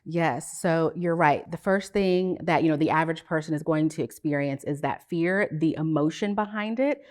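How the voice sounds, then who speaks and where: A woman psychotherapist on a podcast, explaining things in a measured, teacherly way. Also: low-pitched, darkish tone. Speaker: psychotherapist guest. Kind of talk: podcast interview.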